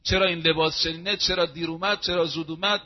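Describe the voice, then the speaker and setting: A man preaching a sermon in an emphatic, rhetorical way, piling up examples in quick runs. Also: a little high, steady tone, muffled recording.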